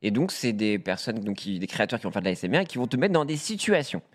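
A man's voice: on the low side, sing-song, fast. A man in his thirties from Brittany chatting casually and explaining a game. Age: 30s. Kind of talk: casual chat.

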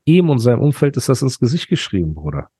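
A man's voice: mid-range voice, big pitch swings, quick pace, dark tone, slightly rough, no room sound. Podcast host, male, heated slangy rant, dry close-mic sound. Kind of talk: casual podcast chat.

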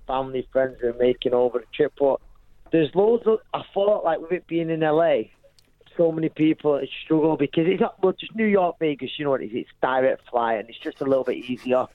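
Over a thin, narrow phone line comes a dry, mid-pitched man with a Manchester accent. He talks informally and matily, as a boxer being interviewed on radio. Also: fairly quick, no echo. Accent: Manchester, English. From Manchester, England. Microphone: phone call.

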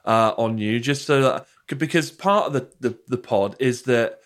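A man's voice: medium pitch, moderate pace, fairly bright tone. A British man talking casually and conversationally as a podcast host.

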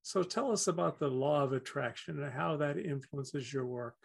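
A man with a gravelly voice hosts the interview. He keeps his questions brief and plain. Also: on the high side, normal speed.

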